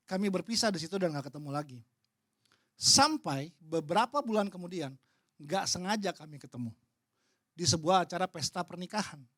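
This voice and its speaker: A pastor from Indonesia preaching, telling a story with lively acted-out dialogue that swings from loud to hushed. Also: male voice, sits high, no echo, studio quality. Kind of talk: sermon with acted-out stories. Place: church hall.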